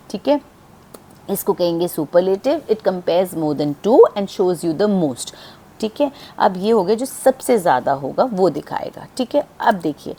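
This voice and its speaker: A woman teaching English grammar in a classroom style, checking understanding as she goes and slowing down to spell out examples. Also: mid-range voice, mellow. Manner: patient, repeats key points and checks understanding. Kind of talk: classroom lesson explaining grammar.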